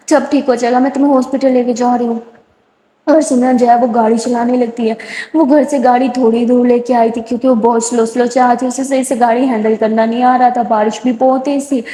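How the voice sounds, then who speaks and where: Woman storyteller, chatty casual retelling; high voice, echoey room. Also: mellow. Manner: chatty, filler-heavy retelling. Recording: roomy echo.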